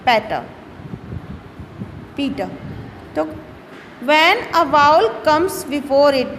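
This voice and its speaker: A woman teaching an English lesson to young pupils, reading the English words slowly one at a time and then explaining them quickly in Hindi. She calls her pupils "beta" as she goes. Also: high-pitched, long reverb tail, a little hiss or hum, rough recording. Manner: addresses pupils fondly as "beta". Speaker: school teacher.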